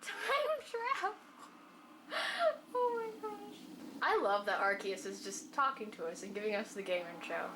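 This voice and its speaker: A woman giving excited game reaction commentary, gasping and squealing as she plays. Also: mid-range voice, moderate pace, background noise. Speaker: gaming channel host. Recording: game music loud beneath voice. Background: game music.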